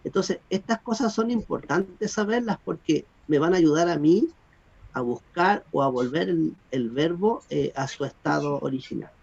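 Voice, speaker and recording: A man teaching Greek grammar in an online class, explaining rules in an animated way and checking that students follow. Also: fairly high pitch, moderate pace, vocal fry, slightly rough. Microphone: video call. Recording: dull lo-fi video call audio.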